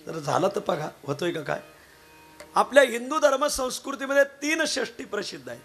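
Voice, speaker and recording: A hoarse man with a fairly high voice preaches a devotional kirtan to a village crowd. His delivery is folksy and full of jokes aimed straight at his listeners. Faint instrumental music sits behind his voice. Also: big pitch swings, normal speed, fairly bright tone. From Maharashtra. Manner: folksy, joking, addresses the audience directly. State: hoarse from three kirtans the day before. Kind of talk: devotional kirtan sermon with humor. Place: village gathering with harmonium and mridang accompaniment.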